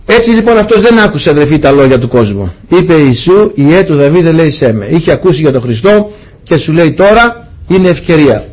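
A man delivers a fervent sermon with a husky, somewhat high voice. He swings from loud exclamations to hushed, quiet lines as he addresses his congregation. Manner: animated preaching, swinging between loud and hushed. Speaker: preacher.

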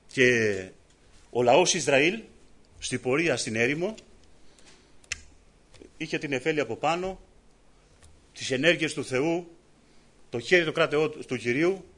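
A man preaching a sermon with passion, full of fillers and repeated phrases, who climbs high on his appeals and drops low when he calls the congregation brothers. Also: fairly bright tone, slightly rough. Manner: impassioned, rises high in pitch on appeals, drops low on "αδελφοί". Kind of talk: evangelical sermon.

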